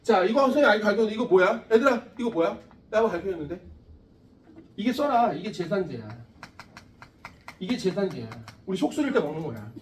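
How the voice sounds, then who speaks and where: Lively high-voiced man teaching class. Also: fast talker, long pauses, reverberant, distant mic, slight background noise. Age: 40s. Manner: lively, chatty, asks students questions. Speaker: science teacher. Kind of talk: classroom lecture.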